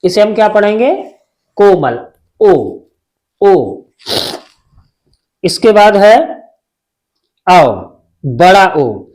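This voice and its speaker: Very slow, patient male language teacher. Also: high voice, very animated, a little mellow. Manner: asks a question and answers it himself; drawn-out, repeated syllables. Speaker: Hindi teacher. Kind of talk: slow spelling lesson.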